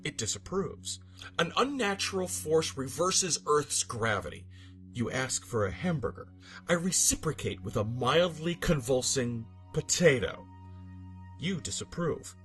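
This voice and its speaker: A man narrates absurd scripted fiction in grand, emphatic style, his fairly high, fairly bright voice rising and falling in a sing-song way at a slightly slow pace. Music sits behind him throughout.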